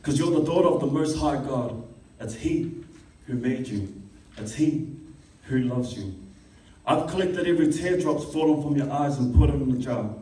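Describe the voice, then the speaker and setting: A man's voice: mid-range voice, expressive, moderate pace, warm tone. A young man performing spoken word poetry at an open mic, rhythmic and impassioned, filmed by a distant camera in a classroom. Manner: rhythmic, impassioned delivery with rising intensity. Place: classroom with a small audience. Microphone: stand mic, filmed by a far camera. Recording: echoey room, distant camera.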